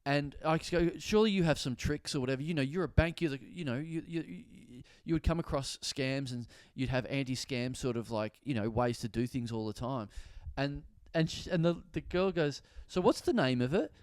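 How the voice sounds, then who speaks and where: A man's voice: medium pitch, expressive, brisk, few pauses, a little mellow, clear, resonant tone, no echo, clean studio sound. Man telling a comic story. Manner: acts out dialogue in quoted voices, swears freely. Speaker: podcast co-host. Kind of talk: casual comedic storytelling.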